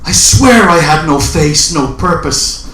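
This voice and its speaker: Measured male poet in a roomy space. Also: on the high side, lively intonation, fairly bright tone. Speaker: poet at an open mic. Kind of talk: spoken introduction and dramatic poetry recital. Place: indoor open mic event room. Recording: roomy live recording with background noise.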